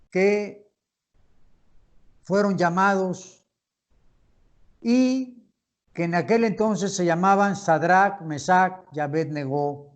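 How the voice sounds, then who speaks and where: A man with a fairly high voice teaching a Bible study. He reads scripture slowly and deliberately, pausing often and restarting phrases as he explains the passage. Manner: slow, deliberate reading with pauses and restarts.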